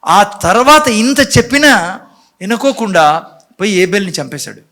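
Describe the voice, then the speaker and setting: A man's voice: sits high, unhurried. A male pastor preaching a sermon, firing off rhetorical questions and voicing the figures of a Bible story back and forth. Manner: animated preaching, rhetorical questions, voices God and Cain in dialogue.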